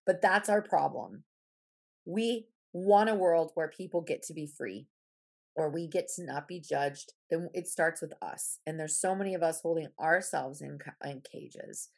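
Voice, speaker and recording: Low husky lady guest on a podcast, blunt, swears a lot, really emphatic. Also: unhurried, a little mellow. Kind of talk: casual podcast interview.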